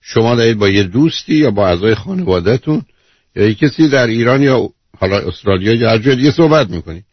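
A man's voice: mid-range voice, lively intonation, breathy edge, dry recording, dull audio. A man hosting a call-in advice show, bluntly interrupting and lecturing the caller. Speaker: radio advice host. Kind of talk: call-in counselling.

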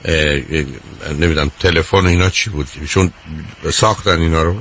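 A man's voice: deep voice, fairly even intonation, fairly bright tone, a little hiss or hum. A man hosting a call-in advice show as a psychologist, asking callers blunt, probing questions. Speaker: psychologist radio host.

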